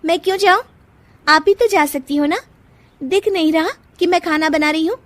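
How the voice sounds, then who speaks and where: A defiant young daughter-in-law from a cartoon family tale, acted by a woman. Her voice is high and sharp-tongued, indignant and quick to argue back, in a dry recording. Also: dry recording. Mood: exasperated. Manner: indignant, argumentative.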